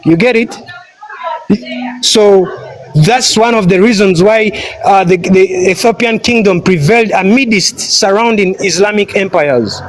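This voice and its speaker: A man raised in Sudan, arguing in a religious debate and pausing to search for words. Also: high voice.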